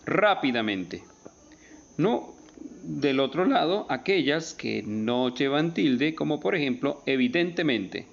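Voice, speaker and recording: A male teacher explaining spelling rules in a recorded lesson, stretching out and stressing each example word slowly and emphatically. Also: mid-range voice, gravelly, lo-fi sound.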